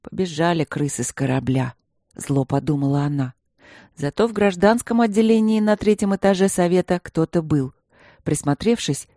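An audiobook narrator reading a novel in even, steady storytelling. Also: medium pitch, no room sound, studio quality. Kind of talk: scripted narration.

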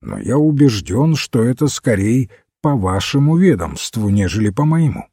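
A man's voice: medium pitch, sing-song, moderate pace, warm tone, slightly rough, dry recording, studio quality. A man voicing a blunt, emphatic detective in a storybook reading. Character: bold former-thief male detective, blunt.

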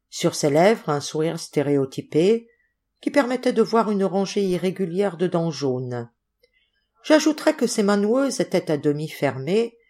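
Lady reading a story out loud, steady and expressive, kinda low pitched. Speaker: audiobook reader. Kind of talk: storybook narration.

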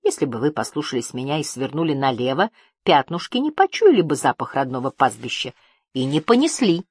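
A woman's voice: rumbling low, very animated, fairly quick, breathy edge, no room sound, clean studio sound, full character voice. A woman reading the lines of a sly, cheerful male merchant with a glib, mock-friendly manner.

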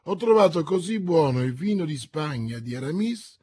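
A man voicing a calm, ironic musketeer who speaks in a low, dry, understated way. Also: moderate pace, breathy edge. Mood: wry.

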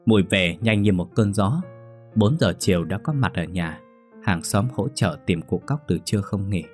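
A male storyteller with a lowish voice reads a folk tale aloud in a lively way. Faint piano music plays quietly beneath his narration. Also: moderate pace. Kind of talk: scripted narration.

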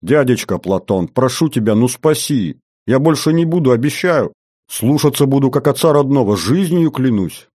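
A man's voice: medium pitch, lively intonation, moderate pace, darkish tone, dry recording, clean studio sound, lightly acted. A man voicing a cheeky young boy who pleads and makes promises. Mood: pleading. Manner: pleading, promising, then meekly grateful.

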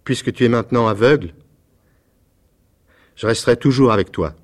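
A man voicing a tender-hearted young male swallow in a storybook reading, high, eager and tremulous. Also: moderate pace, natural voice. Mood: tender pleading.

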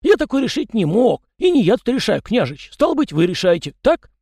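Man doing a high chatty house spirit. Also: sing-song, brisk, a little mellow, dry recording, studio quality, full character voice. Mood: flustered. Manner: garrulous, fretful, rustic folksy speech.

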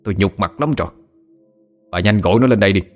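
A man doing a furious shouting father. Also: lowish voice, fast, faint music behind, lightly acted. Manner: yelling, scolding. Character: furious middle-aged male village ritual master, father.

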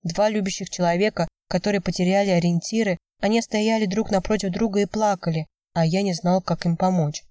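Dark-voiced woman narrating an audiobook. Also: mid-range voice, steady tone, brisk, few pauses, no room sound, clean studio sound, far from the mic.

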